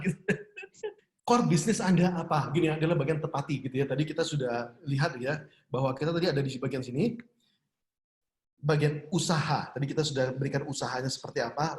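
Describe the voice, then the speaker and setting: A man leads an online business seminar, chatty and quick to laugh as he puts questions to his audience. His voice sits a little high. The sound carries a roomy echo.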